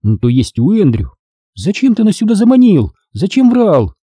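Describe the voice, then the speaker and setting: A man voicing a bold, angry young girl in an audiobook, speaking high and indignant. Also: wildly swooping pitch, normal speed, husky, no room sound, clean studio sound, heavily acted. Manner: high-pitched, shouting, indignant. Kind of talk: audiobook character reading.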